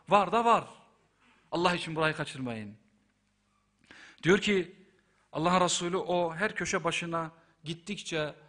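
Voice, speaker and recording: A man delivering a sermon with fervent storytelling. His voice is bright and forceful, pitched a bit high. He drops to hushed, slow lines and then rises to loud, near-shouted passages. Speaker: preacher.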